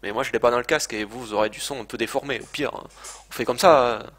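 A man's voice: mid-range voice, steady tone, fast talker, a bit bright. A man streaming a video game live, talking casually and hesitantly, swearing and poking fun at himself. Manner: chatty, hesitant, swears, self-mocking. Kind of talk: casual live gameplay commentary. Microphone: desk microphone, speakers playing game sound.

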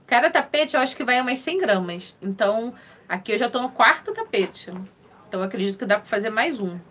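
A woman's voice: a little high, expressive, fairly quick, fairly bright tone. A woman with a Rio de Janeiro accent hosting a casual crochet live stream, chatting in a friendly way and laughing often as she greets viewers by name. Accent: Carioca (Rio de Janeiro) Portuguese. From Rio de Janeiro, Brazil.

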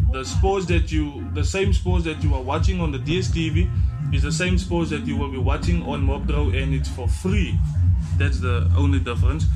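A man's voice: fairly high pitch, low-quality recording. A man in his twenties with an Afrikaans-tinged South African accent, chatting casually to camera as a blunt, slangy vlogger. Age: 20s. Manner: blunt, slangy, mildly sweary. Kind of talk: casual tutorial chat to camera. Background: music.

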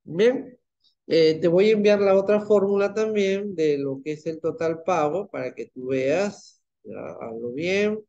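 A man's voice: high voice, unhurried, a little mellow. A man teaching a live online class, patient and often checking in with his students. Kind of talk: live online class, screen-share demo. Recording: muffled lo-fi online class audio.

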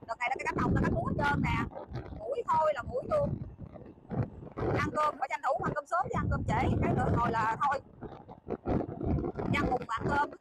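A woman with a Southern Vietnamese accent, a vlogger mother chatting casually to her viewers as she rides a motorbike on a dark country road at night. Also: sits high. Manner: chatty, keeps addressing viewers as family. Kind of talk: casual vlog narration to viewers. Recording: noisy outdoor road recording.

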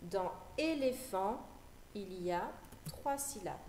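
A woman teaching a phonics lesson to young children, repeating each word slowly and articulating carefully. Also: mid-range voice, animated, darkish tone, slight background noise. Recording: echoey room with faint ambience.

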